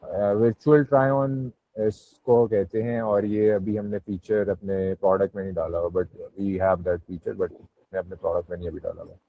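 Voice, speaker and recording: Low-voiced Pakistani man on a tinny call. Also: steady tone, rapid-fire. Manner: hedging, peppers talk with "you know". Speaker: startup founder presenting and answering questions. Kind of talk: informal online Q&A, conversational. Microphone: online voice call. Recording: muffled phone-like call audio, roomy echo.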